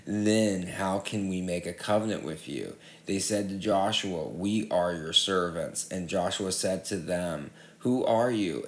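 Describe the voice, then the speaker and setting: A man with a very low voice reads scripture aloud at an unhurried pace. His delivery is measured and steady. The sound carries a noticeable room echo. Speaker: scripture reader. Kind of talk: public Bible reading.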